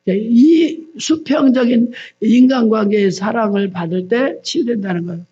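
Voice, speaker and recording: A woman's voice: fairly high pitch, warm tone, slightly rough, muffled recording. A woman evangelist preaching at a dawn prayer service, telling stories and acting out the pleas of the people in them.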